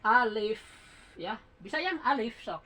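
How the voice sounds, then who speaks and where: A woman teaching Quran recitation rules in a relaxed home lesson, patiently spelling out letters and counting beats aloud. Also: on the high side, unhurried, poor audio.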